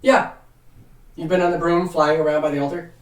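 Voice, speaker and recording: A man with a slightly high voice runs a tabletop game in a roomy space, a bit away from the mic. He narrates casually and haltingly, searching for words as he goes. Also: level tone, distant mic. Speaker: game master.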